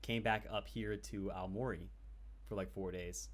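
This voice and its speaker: Low-voiced young man telling a rambling story. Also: steady tone, normal speed. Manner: rambling anecdote with filler and swearing. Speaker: podcast co-host telling a story. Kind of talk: casual storytelling chat.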